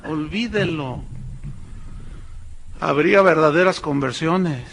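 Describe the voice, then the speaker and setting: High, bright-voiced Mexican preacher. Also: male voice, slow pace, creaky, slight background noise. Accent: Mexican Spanish. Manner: animated storytelling with mocking impressions. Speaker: pastor. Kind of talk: sermon.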